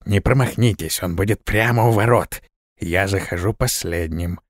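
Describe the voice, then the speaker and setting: A man voicing an irritable male mage who answers in a low, snappish whisper. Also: moderate pace, no room sound, studio quality, natural voice. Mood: irritated. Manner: hushed and snappish.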